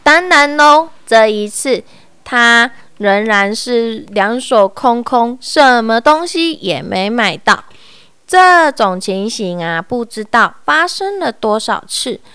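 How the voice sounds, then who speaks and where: A woman reading a children's story aloud in an expressive, sing-song way. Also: a little high, slow pace, clean tone, dry recording.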